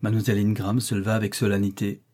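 A man narrating a classic novel as an audiobook, in a measured, steady way. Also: lowish voice. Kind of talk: scripted narration.

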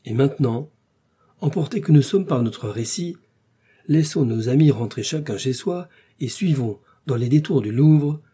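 Male narrator reading a classic novel, measured and even, warm low husky voice. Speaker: audiobook narrator.

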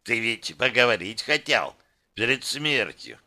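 A man voicing a calm, menacing male kidnapper with a rasping, husky voice, speaking slowly and deliberately. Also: medium pitch, heavily acted.

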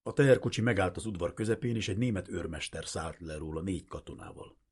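Deep husky man reading a novel. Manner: measured, expressive storytelling. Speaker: audiobook narrator. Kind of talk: literary audiobook narration.

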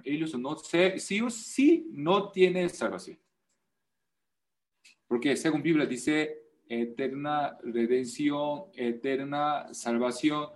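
Slow, emphatic male pastor. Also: mid-range voice. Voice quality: animated, rising to loud emphasis. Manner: non-native Spanish, emphatic repetition, rhetorical questions. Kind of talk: sermon.

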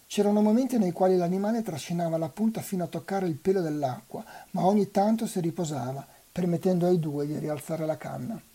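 Reader doing a novel aloud, unhurried and even, really dark husky voice. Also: medium pitch. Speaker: volunteer reader.

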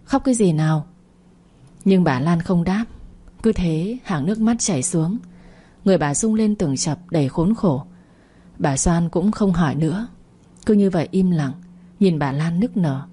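A woman narrating an audiobook story in a steady, even way. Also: on the low side, moderate pace, breathy edge.

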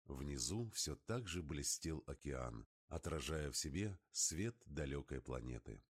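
A man giving an expressive first-person narration of an adventure story as an audiobook. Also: rumbling low, unhurried, slightly rough.

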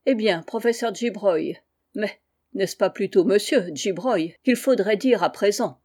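A woman's voice: mid-range voice, animated, moderate pace, darkish tone, close to an everyday voice. A woman voicing a bitter, mocking woman with powers of control in a storybook reading.

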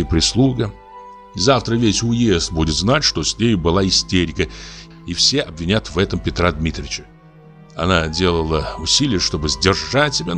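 A man narrating a literary story in a measured, expressive reading. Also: low voice. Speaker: audiobook narrator.

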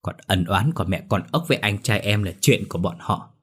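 A male narrator playing an icy young wife who refuses a plea with calm, measured detachment. The voice stays low and husky, slow and unmoved, like a line in a spoken horror story. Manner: cold, flat, measured. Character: cold, detached young wife, icily dismissive.

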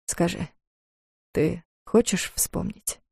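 A woman voicing a calm, self-possessed man, a devoted fiancé, speaking quietly, low and unhurried. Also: creaky, husky, no room sound, clean studio sound, full character voice.

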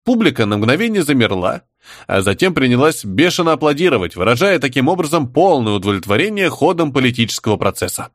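A man reading an audiobook aloud in a wry, deadpan narrating manner. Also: mid-range voice, quick pace, no echo, clean studio sound. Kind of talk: scripted narration.

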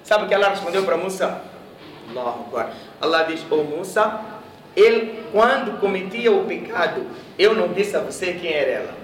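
A man's voice: high-pitched, expressive, normal speed, a little hiss or hum. A man from Mozambique preaching a sermon in a mosque hall, telling a story and questioning his audience. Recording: echoey room, voice from a distance.

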